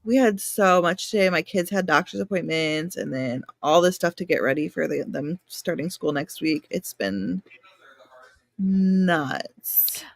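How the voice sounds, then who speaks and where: A woman's voice: fairly low pitch, expressive, a little slow, vocal fry, no echo. Tired woman rambling on a video call. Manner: rambling, self-deprecating. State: tired, yawning. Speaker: co-host. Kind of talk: casual chat.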